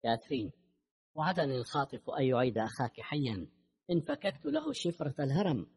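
A man doing a soft reassuring grown man. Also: medium pitch, very animated, fairly quick. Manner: soft, gentle. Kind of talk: audiobook character voice.

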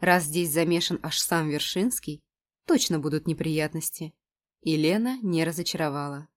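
A woman narrating an audiobook in an even, measured storytelling manner. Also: sits low. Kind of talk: scripted narration.

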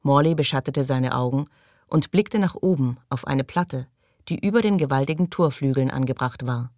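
A woman narrating an audiobook in calm, even storytelling, recorded close in a studio booth. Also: rumbling low, moderate pace, no room sound. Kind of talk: scripted narration.

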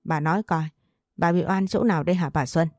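A stern, enraged older master of the house interrogates his household, his tone harsh and commanding. A woman reading a storybook acts him out in a low, mellow voice. The words come fast and sharp. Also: no echo, studio quality, close to an everyday voice. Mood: furious.

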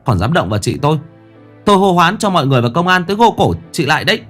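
A man's voice: on the high side, sing-song, racing, a bit bright, faint music behind, voice pushed up. Man doing a spiteful threatening boy. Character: spiteful young boy defending his sister.

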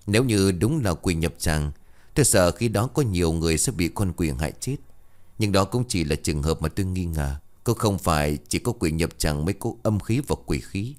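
A man voicing a young man who explains ghostly matters calmly and cautiously. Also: low-pitched, normal speed.

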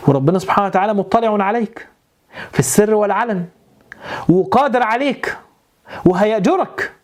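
A man's voice: sits high, a little mellow. A man with an Egyptian Arabic accent giving a religious lesson, often repeating phrases and putting rhetorical questions to his listeners. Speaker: preacher.

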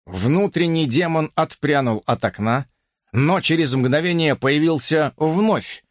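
A man narrating a horror audiobook with an expressive, dramatic reading. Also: a little high, unhurried, dry recording, studio quality.

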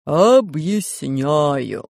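A man voicing a smug fat male priest who lectures slowly and calmly in an audiobook. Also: a little high, vocal fry, no echo, clean studio sound, exaggerated voice. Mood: lecturing. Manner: slow, measured, lecturing.

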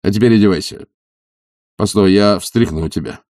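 A man voicing a decisive, energetic friend who gives orders in a brisk way. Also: fairly low pitch, no echo, clean studio sound, natural voice.

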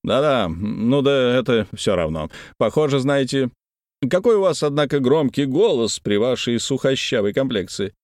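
A man plays a self-important official in a storybook reading, handing out orders with lofty condescension. The voice has lively swings and a close, dry sound. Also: mid-range voice, moderate pace, dry recording, lightly acted. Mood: commanding. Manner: commanding, condescending.

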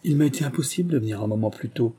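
A man's voice: mid-range voice, rapid-fire, warm tone, slightly rough, lightly acted. A man voicing a fashionable knight making excuses, in a read novel. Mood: excusing.

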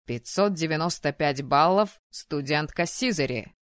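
A woman's voice: low-pitched, animated, no echo, clean studio sound, pitched below the performer's own voice. Woman voicing a stern male dean. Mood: ceremonious. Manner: formal, measured announcements. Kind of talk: audiobook character voice.

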